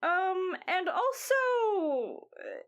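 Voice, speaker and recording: A woman voicing an elderly woman who supplies potions and gear in a tabletop game, in a slow, halting old-lady voice. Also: very high voice, sing-song, highs cut off, pitched above the performer's own voice, full character voice. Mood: helpful.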